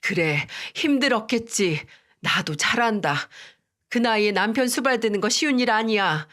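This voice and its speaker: A woman's voice: on the high side, animated, moderate pace, a bit bright. A woman voicing a stern older mother-in-law who firmly scolds her daughter-in-law in a read-aloud family drama story. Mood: scolding. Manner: scolding, firm.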